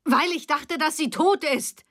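A desperate young mother, as a woman reads her in an audiobook, pleading and pitched up, pushing into shouts. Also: measured pace, close to an everyday voice. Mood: shouting. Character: distraught adult daughter, a young mother.

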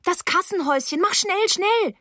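A woman voicing a panicked young woman who pleads in a high, urgent, shrill voice. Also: expressive, moderate pace, bright, forceful tone, dry recording, clean studio sound, exaggerated voice.

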